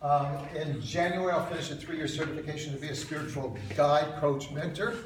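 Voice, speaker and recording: A man's voice: a little high, fairly even intonation, fairly quick. A man in his sixties giving an informal, off-the-cuff lightning talk about himself with slides, with wry, self-deprecating asides. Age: 60s. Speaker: speaker at an alumni reunion talk. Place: echoey indoor presentation room. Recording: very echoey room, distant mic, loud noise.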